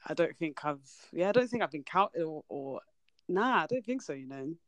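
A woman's voice: sits low, animated, normal speed, no echo. A young woman hosting a casual podcast chat. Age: young adult. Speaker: podcast host.

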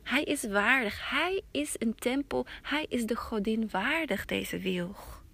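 A woman's voice: fairly high pitch, lively intonation, slow, creaky, bright, forceful tone, no echo, full character voice. A woman voicing an eager, persuasive old male village elder in a storybook tale, urging and insistent. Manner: emphatic, insistent coaxing.

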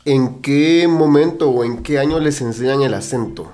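Animated man hosting. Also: mid-range voice, moderate pace. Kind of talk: casual chat.

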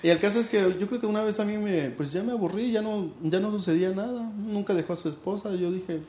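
A man with a Mexican Spanish accent, chatting casually as a podcast host and telling gossipy stories in an animated way. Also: sits high, fast talker, slight background noise. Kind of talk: casual chat. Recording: echoey room with faint ambience.

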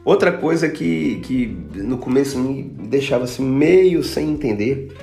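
A Brazilian man with a Brazilian Portuguese accent hosting a casual podcast, chatty and animated when telling anecdotes. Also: medium pitch, unhurried, gravelly. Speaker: podcast host. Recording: roomy echo with faint guitar music.

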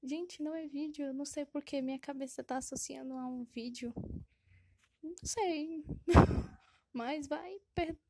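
A woman with a high, darkish voice and a steady tone hosts a solo podcast casually, unhurried and pausing often, with slight background noise. She rambles, corrects herself with many fillers, and is self-deprecating, frequently laughing at herself.

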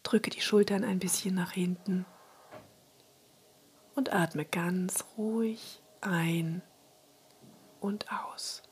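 A woman guiding a relaxation meditation in a soft, soothing spa-like whisper, breathy and husky. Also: lowish voice, fairly even intonation, drawn-out words, long pauses, slight background noise. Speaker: relaxation exercise guide.

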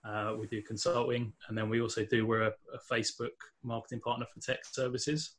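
Mid-range and a bit bright, this man's voice stays level as he speaks fairly quickly. He's a guest on a podcast, from England with a London accent, chatting in casual interview talk with lots of fillers and restarts.

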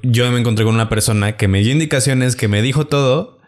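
A man's voice: mid-range voice, fast talker. A man hosting a podcast interview, asking questions and reacting with short affirmations. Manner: attentive, frequent short affirmations. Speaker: podcast host. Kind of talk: casual interview.

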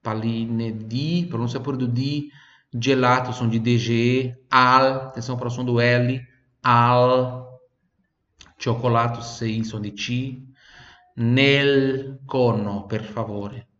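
A man's voice: medium pitch, fairly even intonation, fairly bright tone. Patient man teaching language. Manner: patient, repeats phrases slowly for learners to copy. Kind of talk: online language lesson. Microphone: desk microphone. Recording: roomy, slightly dull sound.

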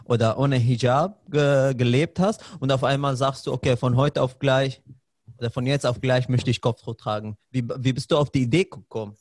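A man's voice: medium pitch, darkish tone, no room sound. Male interviewer, hesitant delivery, dry close sound. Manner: halting, many fillers and restarts. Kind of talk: conversational interview.

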